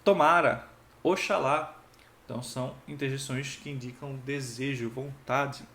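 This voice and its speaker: A male teacher giving a grammar lesson, acting out each example with expressive tones. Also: medium pitch, normal speed, a little hiss or hum. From Pernambuco, Brazil. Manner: lively, acts out each interjection with expressive tone. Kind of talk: exam-prep grammar lesson. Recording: echoey room.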